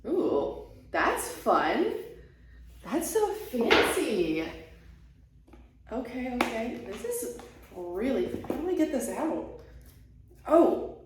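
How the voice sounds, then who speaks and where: A woman hosting a casual unboxing vlog, gushing and excitable, recorded in a bare, half-furnished room with heavy echo. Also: on the high side, extremely slow, pauses often, recorded from a distance, background noise. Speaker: channel host.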